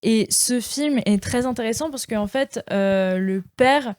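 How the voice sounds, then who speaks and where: Woman co-host, casual film chat, halting delivery, dry close sound. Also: fairly high pitch, darkish tone, no echo. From of Iranian descent. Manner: hesitant, many fillers and restarts. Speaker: podcast co-host.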